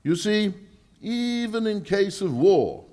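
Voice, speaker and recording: An actor playing a proud, easily exasperated English lord in charge of a bank vault, speaking formally in a 1940s radio drama style. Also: male voice, high voice, sing-song, dark tone, exaggerated voice. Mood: formal explaining. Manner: emphatic, deliberate, formal, slightly halting. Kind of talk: 1940s radio drama acting, performed live.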